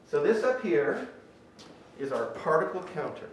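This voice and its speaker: This instructor's voice is a little high and very animated, though his pace stays measured as he plainly and emphatically covers shop rules and equipment in an informal orientation. A face mask slightly muffles him. Recorded in an indoor woodworking shop by a distant mic, the audio is very echoey with faint noise.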